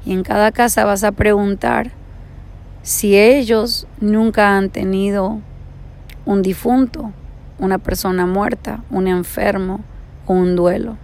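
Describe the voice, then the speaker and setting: Story parable: woman voicing calm Buddhist master, unhurried, gravelly, flat delivery. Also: mid-range voice. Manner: slow, composed and consoling.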